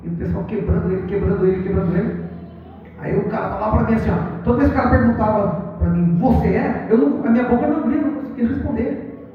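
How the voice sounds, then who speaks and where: A man's voice: high-pitched, quick pace, a little hiss or hum. A man preaching a sermon, telling a story and addressing the congregation as brothers, recorded from far off in a church hall. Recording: distant, echoey hall, phone-like.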